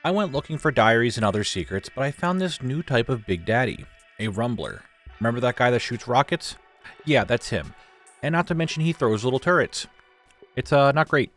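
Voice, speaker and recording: Young man, casual gaming voice-over, mid-pitched, joking recap style, light background music. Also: big pitch swings, brisk, a bit bright. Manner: informal, joking, occasional swearing. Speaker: gaming video creator. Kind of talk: casual scripted gameplay recap narration.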